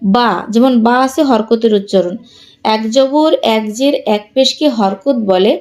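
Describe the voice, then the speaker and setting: A woman teaching Quran reading, with a Bangladeshi Bengali accent, patiently spelling out letters and vowel marks and reading each example slowly. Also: on the high side, darkish tone. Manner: patient, repetitive, explains rules then reads examples slowly. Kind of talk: spelling out and drilling letter sounds.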